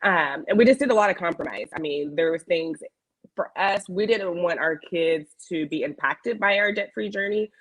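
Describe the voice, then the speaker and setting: A woman's voice: on the low side, moderate pace, rough recording. A woman in her thirties from San Antonio, a guest on a video call, chatting through her story with frequent ums. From San Antonio, Texas, USA. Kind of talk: casual interview chat.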